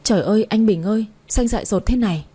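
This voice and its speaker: A woman's voice: medium pitch, quick pace, mellow, slightly rough, natural voice. A woman voicing an adult male neighbor giving urgent orders in an audiobook story. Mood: shocked. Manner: urgent, commanding.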